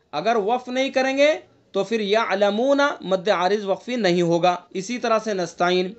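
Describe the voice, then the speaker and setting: A man teaching Quran recitation in an online tajweed lesson, patiently repeating rules, quizzing his students and drawing out recited examples slowly. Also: high voice. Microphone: video call. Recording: muffled lo-fi online class audio.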